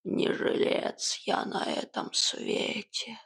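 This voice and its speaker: A woman voicing a stern, dying old witch with a hoarse, mumbling voice, speaking slowly and heavily. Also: fairly bright tone. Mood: weary. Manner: slow, heavy and commanding.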